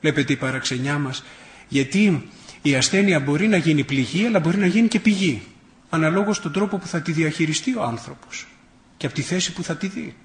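A man's voice: on the high side, echoey room, a little hiss or hum. A priest giving a sermon. He builds emphatic rhetorical lists and mixes in folksy personal anecdotes with self-irony.

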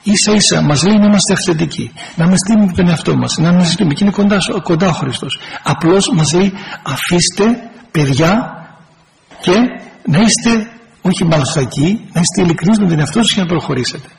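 Male parish priest, earnest pastoral talk, gravelly, faint hiss under a big hall reverb. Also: high voice. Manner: earnest, pastoral, acts out sample replies. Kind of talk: church talk to a congregation.

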